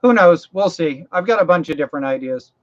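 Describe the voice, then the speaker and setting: With a fairly high pitch, lively intonation, and a slightly fast pace, a man from Maine runs a casual livestream. He rambles folksily through viewers' mower-repair questions, practical but repetitive and prone to restarting phrases, his voice getting tired in the dull lo-fi audio.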